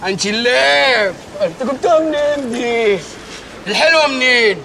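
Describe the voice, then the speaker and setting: A man's voice: very high voice, lively intonation, moderate pace, creaky, background noise, heavily acted. A man with an Egyptian accent acting in a slapstick film comedy, blustering and mock-outraged. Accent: Egyptian Arabic. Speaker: comic film actor.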